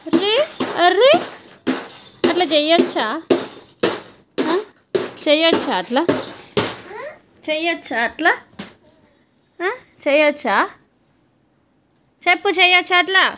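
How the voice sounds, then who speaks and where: A woman with a Telangana Telugu accent coos and teases her small child, her high voice bouncing through sing-song questions. She talks into a phone camera at home, playful and coaxing, with a faint hiss of noise behind her. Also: slow pace, pauses often, a bit bright. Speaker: mother filming her toddler.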